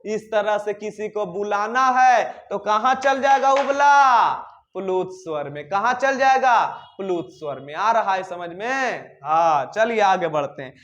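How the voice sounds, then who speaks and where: Guy w a teaching grammar, really high voice, keeps asking then answering himself. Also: animated, measured pace, fairly bright tone, lo-fi sound. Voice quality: high-pitched. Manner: repeats questions and answers them himself. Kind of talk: classroom grammar lesson.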